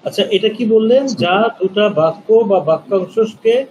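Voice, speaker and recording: A man's voice: sits high, unhurried, a little mellow, dull audio, slight background noise. A male student in an online class, asking the teacher to repeat and checking spellings. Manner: asks to hear things again and repeats after the teacher.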